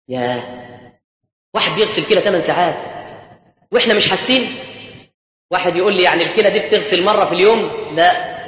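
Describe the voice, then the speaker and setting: A man's voice: sits high, bright, forceful tone. A male preacher with an Egyptian accent, giving a colloquial mosque sermon full of rhetorical questions and banter. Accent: Egyptian Arabic. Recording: echoey dull mosque hall.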